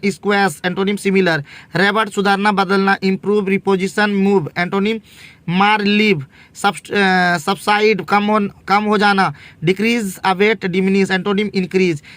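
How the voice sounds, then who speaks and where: High-voiced man reciting vocabulary lists. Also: a bit bright, no room sound. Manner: terse, list-like recitation with fillers. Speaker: vocabulary tutor. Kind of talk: reading out word lists.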